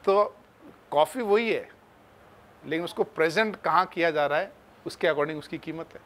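A man's voice: on the high side, moderate pace, a bit bright. A man teaching chemistry in a casual, chatty way, talking to his students like friends. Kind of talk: casual classroom talk.

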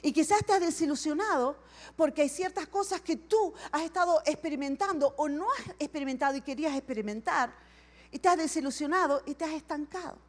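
A woman pastor preaches with a high, bright-pitched voice. Her delivery is animated, and she slips into short acted-out exchanges to make her points to the congregation. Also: a little fast. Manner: animated preaching, acting out little dialogues. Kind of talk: sermon. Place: church service.

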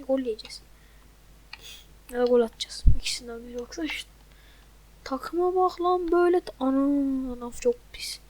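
High-pitched girl ranting at her noob teammates while playing, faint hiss behind. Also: rough recording. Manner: exasperated, loudly mocking her teammates. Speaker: gamer. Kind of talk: gameplay commentary. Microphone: desk microphone.

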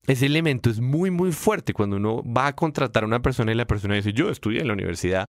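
A man co-hosting a casual podcast, explaining ideas with emphatic rises in pitch. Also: quick pace, dry recording, clean studio sound. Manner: explanatory, animated pitch jumps when stressing points. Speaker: podcast co-host.

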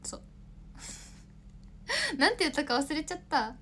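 A woman's voice: sits high, big pitch swings, slow pace, bright, forceful tone, slight background noise. A young woman in her twenties, an idol chatting casually on a livestream, rambling, laughing often and answering viewer comments.

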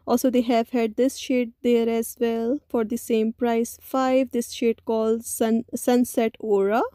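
Slow, pausing woman narrating a store haul. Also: fairly high pitch, level tone, warm tone, no room sound, clean studio sound. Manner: slow, listy, with many "uh" pauses. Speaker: shopping vlogger.

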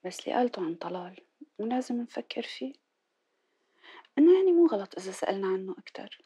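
An actress playing a devoted, anxious wife in a Syrian period television drama, speaking in a soft, coaxing, emotional and often breathy voice. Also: female voice, mid-range voice, big pitch swings, fast. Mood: anxious pleading. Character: devoted, pleading wife, anxious to please her husband. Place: furnished room indoors. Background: music.

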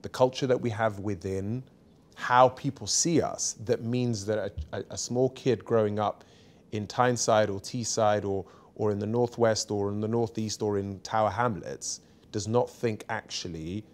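Interview guest, man, 40s, lowish voice, frank and forceful, small studio, lapel mic. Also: moderate pace. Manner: emphatic, candid, lively anecdotes. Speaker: barrister and author, interview guest. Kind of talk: seated conversational interview. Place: small bright studio set.

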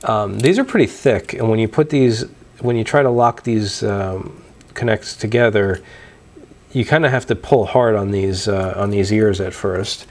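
A young man hosting a homebrewing video, casually explaining and demonstrating parts in a relaxed way with fillers and restarts, recorded on a lapel mic in a small room at home. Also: lowish voice, unhurried. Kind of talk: casual show-and-tell demonstration.

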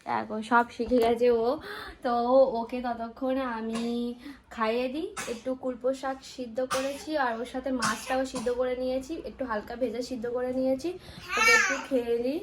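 A young mother from West Bengal vlogs from her home kitchen, cooking and tending her daughter while chatting casually with viewers about her chores. She has a sore throat and stuffy nose. Her voice is a little high and moves at a normal speed, with heavy background noise.

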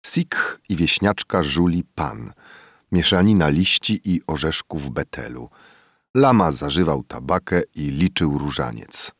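A man with a very deep voice reads a classic novel aloud, his tone rising and falling with lively expression. The recording is close and dry, with no room sound. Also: husky, no room sound. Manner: measured, expressive storytelling. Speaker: audiobook narrator. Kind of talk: literary audiobook narration.

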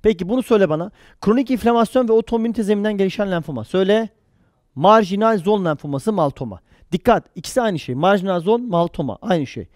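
Male lecturer for exam prep: high-pitched, recorded dry and close, quizzes students and answers his own questions. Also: quick pace, no room sound. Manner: lively, jokey asides with mnemonics. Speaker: pathology lecturer.

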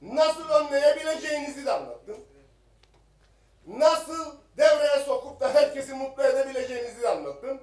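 A man speaks from a rostrum microphone in an assembly hall, his voice pitched high for a man. He argues combatively and repeats rhetorical questions at the minister. The sound rings around a roomy chamber, with him set back from the mic. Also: lively intonation, normal speed, darkish tone, recorded from a distance. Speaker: member of parliament. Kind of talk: parliamentary floor speech. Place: parliament chamber. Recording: echoey chamber, voice a bit off the mic.

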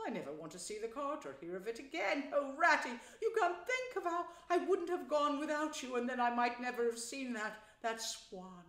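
A woman voicing Toad, swooning and high-flown. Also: animated, fairly bright tone, roomy sound. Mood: dreamy, enchanted. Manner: swooning, drawn-out exclamations. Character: dreamy, rapturous, vain male toad.

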